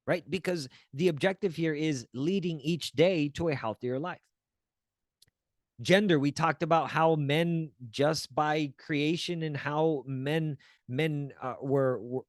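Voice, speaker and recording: A man's voice: on the high side, no room sound, studio quality. A man teaching as a wellness coach, earnest and encouraging, often checking in with the listener and restarting phrases as he searches for words. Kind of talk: teaching talk to camera.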